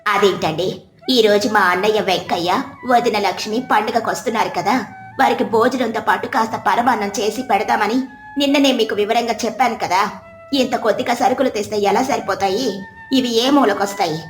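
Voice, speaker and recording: A woman's voice: medium pitch, normal speed, close to an everyday voice. A woman voicing a patient, sensible village wife who speaks mildly and reasons things through. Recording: roomy with soft background music.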